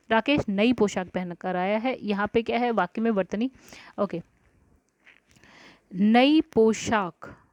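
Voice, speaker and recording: A woman's voice: medium pitch, darkish tone, dry recording. A woman teaching an exam-prep grammar lesson, talking through each answer aloud with frequent check-in words. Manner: talks through answers aloud, often saying "ठीक है" and "guys". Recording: dry, dull lo-fi recording.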